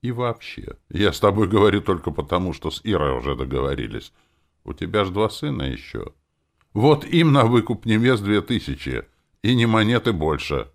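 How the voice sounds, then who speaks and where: A man voicing a cocky, blunt young dark mage in an audiobook, flippant and dry. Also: sits low, big pitch swings, normal speed, vocal fry, pitched above the performer's own voice, heavily acted. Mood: cold.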